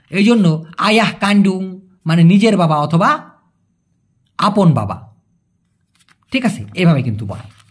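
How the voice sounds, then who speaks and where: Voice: mid-range voice, slightly rough. A Malay language teacher, giving a casual video lesson and explaining words through everyday examples. The teacher asks rhetorical questions and answers them, repeating words for emphasis.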